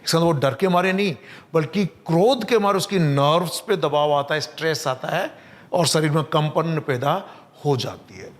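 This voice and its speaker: Male vocabulary teacher. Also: a little high. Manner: explains in Hindi, reads English example sentences slowly and carefully. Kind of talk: vocabulary lesson.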